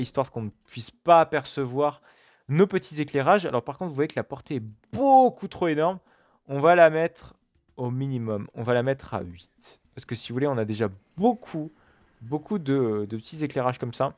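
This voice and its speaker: A man's voice: medium pitch, no echo. A man giving casual, chatty let's-play commentary at his computer. He swears often and keeps addressing viewers with fillers and asides. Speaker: gaming video creator. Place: at his computer while recording gameplay.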